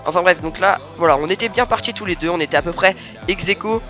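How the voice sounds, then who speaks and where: A man's voice: sits high, fast talker, sharp tone, faint music behind. A man casually commenting over a video game as the host, often repeating himself and leaning on verbal tags.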